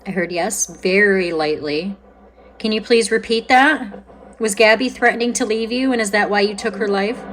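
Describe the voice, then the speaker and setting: A woman with a mid-pitched voice hosts a paranormal session in a casual, conversational way. She comments as she goes, asks questions aloud and pauses to listen. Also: a bit bright. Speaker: host of a paranormal spirit box session.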